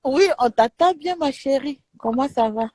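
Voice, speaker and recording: A woman hosting a live call-in chat, soft-spoken and teasing with her callers. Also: high-pitched, expressive, normal speed, dry recording, studio quality. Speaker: host taking callers.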